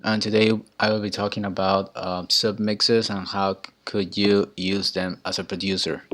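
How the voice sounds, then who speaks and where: A man's voice: on the low side, little pitch movement, normal speed, fairly bright tone. A man from Ecuador, giving an informal tutorial and explaining step by step, often restarting his phrases. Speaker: student presenter. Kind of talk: informal tutorial on audio mixing.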